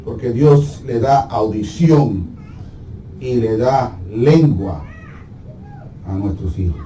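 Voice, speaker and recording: A man's voice: medium pitch, expressive, slow, mellow, far from the mic. A man preaching a sermon as pastor, telling stories with humor and acting out voices. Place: church sanctuary. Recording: echoey hall from afar, faint noise.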